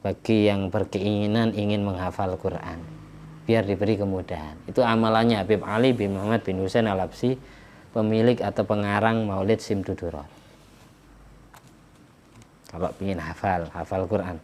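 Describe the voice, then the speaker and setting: A man's voice: fairly low pitch, fairly even intonation, normal speed, a little mellow, slight background noise. A man, an Islamic preacher, explaining worship practice plainly and chanting verses in Arabic during a religious study lecture.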